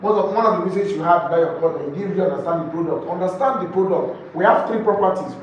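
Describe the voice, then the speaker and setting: A fast-talking, high-voiced real estate sales trainer with a Nigerian accent lectures a group in a live session. He emphatically repeats key phrases and fires rhetorical questions at his audience, captured by a distant mic in an echoey room with faint noise.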